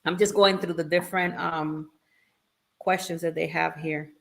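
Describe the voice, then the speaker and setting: A woman's voice: fairly low pitch, fairly even intonation, moderate pace, creaky, fairly bright tone. A woman co-hosting a casual live stream, laughing often and reading viewer questions aloud. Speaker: co-host reading the live chat.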